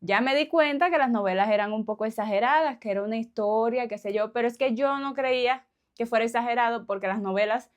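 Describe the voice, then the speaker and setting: Cuban woman, casual vlog chat, fairly high voice, laughs a lot. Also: fast talker. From Cuba. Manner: chatty, laughs often, tag questions. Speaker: vlogger.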